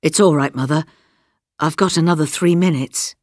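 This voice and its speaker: A woman voicing a tired, gruff middle-aged father in a storybook reading, in a low voice. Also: normal speed, dry recording, studio quality. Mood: curt. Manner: curt, then gentle.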